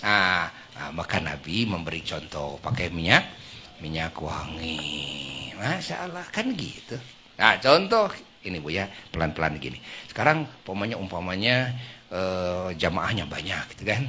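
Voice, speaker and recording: A male preacher, slow and deliberate, his bright voice leaping between hushed asides and loud cries. He acts out little scenes for his listeners in a very animated, sing-song delivery. Faint ambience sits behind him. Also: low-pitched, slight background noise. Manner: swings between soft murmurs and loud exclaims, acts out scenes. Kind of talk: lively sermon to a women's congregation.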